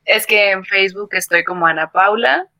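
A young adult woman, a podcast guest in casual chat, relaxed and deliberate. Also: medium pitch, no echo.

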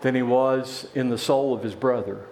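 A man preaching a sermon in a church, telling a parable with animated voices for its characters. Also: medium pitch, normal speed, echoey room, slight background noise. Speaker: pastor.

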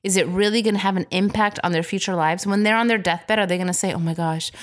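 A woman in her thirties chatting casually as a podcast co-host, animated and often laughing as she acts out everyday scenes. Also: mid-range voice, fast. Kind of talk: casual chat.

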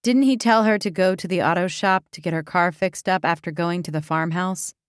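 A woman's voice: on the low side, fairly quick, clear, resonant tone, no room sound. Woman narrating an audiobook, dry and close. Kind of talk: scripted narration.

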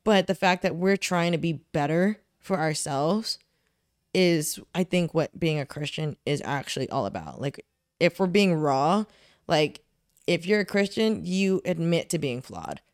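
Young woman, low voice, frank and reflective, podcast co-host, dry studio sound. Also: animated, unhurried, dry recording. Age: young adult. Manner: reflective, frank, laughs easily. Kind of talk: casual chat.

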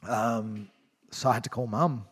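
A man's voice: mid-range voice, fairly even intonation, measured pace, slightly rough. A man in his thirties telling a personal story as a guest, rambling with frequent swearing and laughs. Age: 30s. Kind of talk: casual storytelling.

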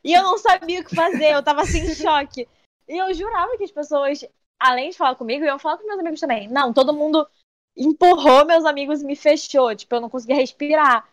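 A young woman with a high, bright-sitting voice tells stories in a casual interview, animated and quick to act out the people she quotes. The recording is close and dry, with no room sound. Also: no echo. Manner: animated storyteller who acts out quoted voices and says "tipo" often. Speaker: TikTok creator guest.

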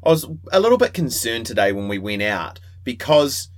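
A man's voice: medium pitch, very animated, normal speed. A man co-hosting a podcast, chatting casually with wry teasing. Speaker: podcast co-host. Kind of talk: casual banter.

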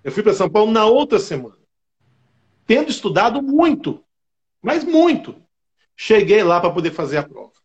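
A man's voice: high voice, moderate pace, pauses often, lo-fi sound. A middle-aged man from Brazil, a state attorney, telling a personal story in an interview, often adding "né". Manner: animated, fills with "né" often.

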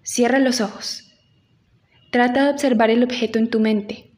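Her voice is a little high and a little mellow, with fairly even intonation and a normal speed. As an acting teacher in an instructional audio lesson, she guides the listener through an exercise. She talks right to them, offering instructions and questions to reflect on.

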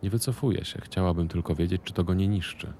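A man's voice: deep voice, quick pace, mellow, a little hiss or hum, close to an everyday voice. A man voicing a middle-aged woman who runs a business and worries about her son, speaking firmly and guardedly. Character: middle-aged woman boss, anxious protective mother.

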